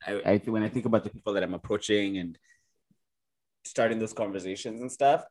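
A man's voice: on the low side, a little fast, a little mellow. Reflective man in casual chat. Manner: reflective, speaks in restarts and asides.

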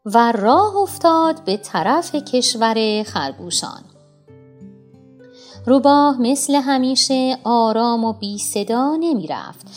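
A woman with a high voice reads a children's fable aloud, telling it expressively. Faint music plays underneath her narration. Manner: expressive, even storytelling. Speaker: storyteller. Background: soft music.

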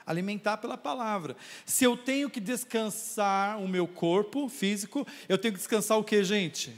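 In a church hall with long reverb, a male pastor preaches a sermon in a high-pitched voice at a moderate pace. He calls on the congregation to raise their hands and answer back.

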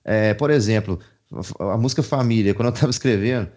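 A man's voice: on the low side, quick pace. A Brazilian man, a musician, talking casually in an interview, with many fillers and laughs. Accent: Brazilian Portuguese. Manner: animated, laughing, lots of fillers. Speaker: musician guest.

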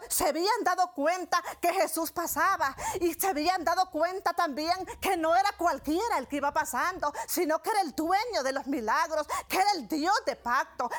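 A woman preaching a sermon, addressing the congregation as brothers and often repeating phrases with tag questions. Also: extremely high pitch. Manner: frequent "¿verdad?" and "hermanos" fillers, repeating phrases.

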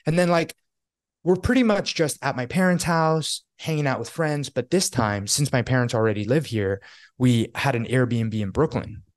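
A man's voice: medium pitch, moderate pace, no room sound, studio quality. A young man from New York, casually telling a story on a podcast with lots of fillers. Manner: animated storytelling, many fillers. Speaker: podcast co-host. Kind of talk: casual chat.

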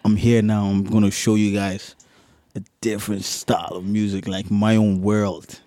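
A man's voice: on the low side, little pitch movement, moderate pace, warm tone, dry recording, studio quality. A man from Benin in Nigeria with a Nigerian accent, chatting casually as a musician guest in an interview, with slangy, interjected talk.

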